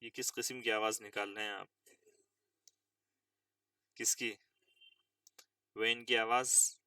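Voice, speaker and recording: Bright-voiced male English tutor, far from mic. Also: fairly low pitch, flat delivery, dry recording. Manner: slow drawn-out reading of English phrases, spells words aloud. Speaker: English teacher. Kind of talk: vocabulary lesson explaining English news words.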